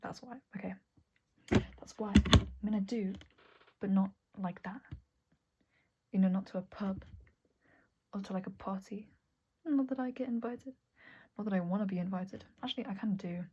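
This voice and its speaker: Soft, halting young woman. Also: medium pitch, steady tone, husky, lo-fi sound. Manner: soft, halting, often drops to a whisper, sighs. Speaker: vlogger. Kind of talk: candid personal talk to camera. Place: at her desk at home. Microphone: earbud mic.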